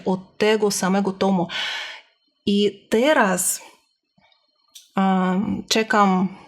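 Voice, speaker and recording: A woman vlogger talks to her viewers in a language that is not her native one. She has a mid-pitched voice and picks her words carefully, with hesitant pauses as she searches for the next one. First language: not Polish or Armenian, both learned languages. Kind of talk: personal vlog monologue about language learning.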